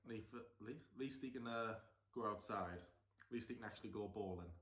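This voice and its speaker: A man hosting a reaction channel, mocking a clip with sarcastic asides and sudden shouts. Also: on the low side, brisk. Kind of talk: reaction commentary. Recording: roomy echo.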